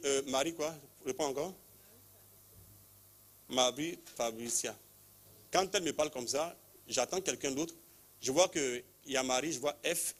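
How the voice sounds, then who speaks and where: Man, lay preacher, commanding, repetitive, mid-pitched voice. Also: fairly bright tone. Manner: commanding, repeats short phrases, calls people forward, leads call-and-response prayer. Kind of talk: charismatic healing service, prophetic calling.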